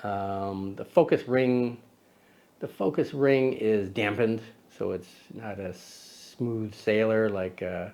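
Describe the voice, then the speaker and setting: Male vlog host, lowish pitch, chatty and digressive, self-correcting with jokey asides, outdoor recording. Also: slow pace, a little mellow. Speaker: host of a camera lens video. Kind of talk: casual vlog lens review.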